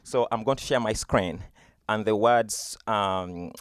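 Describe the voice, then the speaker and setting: A Ugandan music teaching artist, whose first language is Luganda, gives a virtual school presentation through a computer webcam mic, with a dry, clean studio sound. His voice is smooth, low and slow, and he explains patiently, often saying "uh" and "you know."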